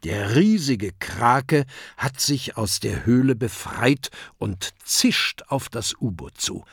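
A storyteller reads a children's adventure at an unhurried pace, with a lively, rising and falling melody. The sound is dry and close to the mic. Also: medium pitch, breathy edge, dry recording. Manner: expressive, dramatic storytelling. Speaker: audiobook reader. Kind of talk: children's audiobook narration.

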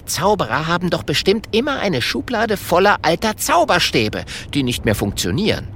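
A woman voicing a clever, eager little boy dragon, speaking in an excited, quick-thinking way. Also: fairly low pitch, a little hiss or hum, voice pushed up.

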